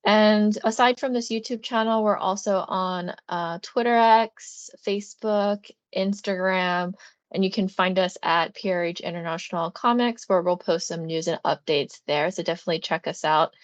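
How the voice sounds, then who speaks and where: A woman's voice: medium pitch, dry recording, muffled recording. A woman co-hosting a casual video chat, talking loosely with many fillers. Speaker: co-host, comics sales.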